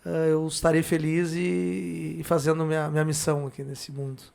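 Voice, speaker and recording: Higher-pitched southern Brazilian man, halting speech. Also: flat delivery, creaky, a little mellow. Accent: southern Brazilian, Porto Alegre. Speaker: podcast guest. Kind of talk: casual chat.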